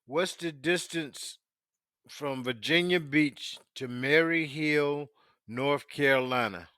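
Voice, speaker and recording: A man's voice: a little high, takes it slowly, bright, forceful tone, clear, resonant tone, no echo, studio quality. A man in his fifties hosting a casual live chat with strangers, talking in a laid-back, drawling and repetitive way. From United States. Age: 50s. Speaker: host of a live video chat.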